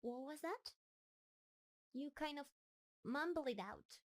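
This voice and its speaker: For an intimate roleplay audio, a woman voices a gentle giant spider creature, speaking high and very unhurriedly with a nervous, halting tenderness. Animated yet shy and sweet, she dotes on one beloved listener, speaking softly.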